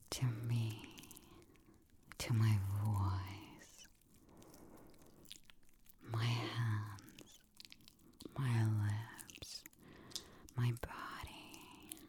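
A woman whispering an ASMR roleplay close to the mic, with a breathy, teasing and dominant way of speaking. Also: a bass voice, background noise. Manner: slow, teasing, dominant murmuring close to the ear.

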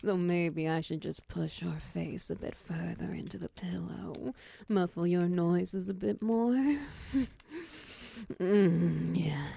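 Teasing, dominant oni lover played by a woman: dark, breathy, unhurried whisper right on the mic. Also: dry recording, exaggerated voice. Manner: slow, low, half-whispered, teasing with soft chuckles. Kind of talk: intimate ASMR roleplay.

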